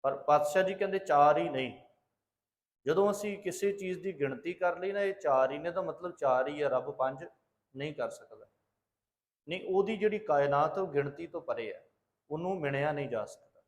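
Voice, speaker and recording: A man giving a Sikh scripture sermon. He recites verses slowly and then explains them, asking and answering his own questions like a teacher. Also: a little high. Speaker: Sikh preacher giving katha.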